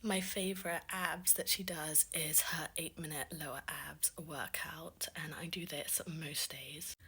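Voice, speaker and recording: A young woman narrating a casual beauty and lifestyle vlog, talking chattily and often dropping into a soft whisper. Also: low-pitched, steady tone, measured pace. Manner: chatty, enthusiastic, many fillers like "like". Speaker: beauty vlogger.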